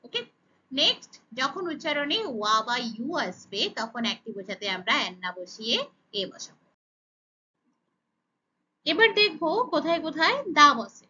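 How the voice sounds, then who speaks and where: Bengali-accented woman teacher, high bright voice, self-answering questions, dull lo-fi sound. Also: very animated, normal speed, long pauses. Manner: asks and answers her own questions, says "okay" often. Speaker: English teacher for children. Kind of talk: explaining grammar lesson.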